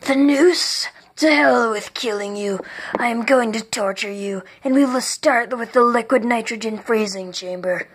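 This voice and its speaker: A reader voicing a cruel male warrior villain who speaks low and quiet, sneering with a slight hiss. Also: a little slow, husky, exaggerated voice.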